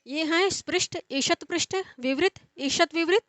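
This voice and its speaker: A woman's voice: very high voice, measured pace, a bit bright, no echo. A young woman teaching Sanskrit grammar in an explanatory lecture, repeating and rephrasing points as she goes. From India. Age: young adult.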